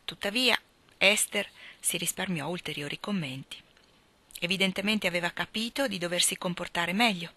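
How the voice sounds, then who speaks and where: A woman narrating a classic novel as an audiobook reader, in a measured, even reading voice. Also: on the low side.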